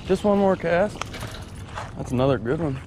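Fairly high-pitched and expressive, a fishing vlogger chats at normal speed as he casts at a quarry lake. His casual narration comes in a laid-back drawl, captured on a head-mounted action camera along with faint sounds of the outdoors.

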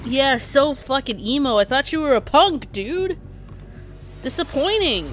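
Woman, gaming streamer, live commentary, profane, loud, high bright voice. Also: animated, measured pace, faint music behind. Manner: profane, yells at the game, jokes.

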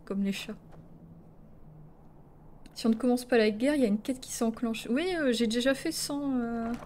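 A woman's voice: on the high side, darkish tone, slight background noise. A woman streaming a video game, chatting playfully with her viewers and full of exclamations. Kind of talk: casual live-stream gaming commentary.

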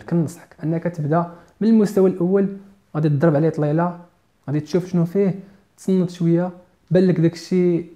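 A Moroccan man giving a casual online English lesson, switching between English and Moroccan Arabic and repeating key words slowly for emphasis. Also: high-pitched, dark tone. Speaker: English teacher.

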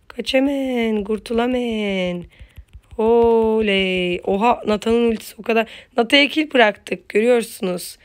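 A woman giving playful, casual commentary while playing a mobile game, just woken up and chanting words over and over. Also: mid-range voice. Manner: playful, chatty, repeats words in quick chants.

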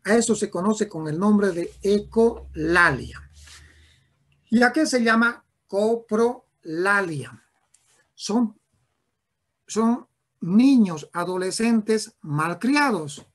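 A man gives a neurology lecture at a deliberate, unhurried pace. His voice is slightly husky. He restates terms and checks in with the class. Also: sits high, animated, fairly bright tone. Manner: slow, repetitive, with frequent restarts and checks of "¿ya?".

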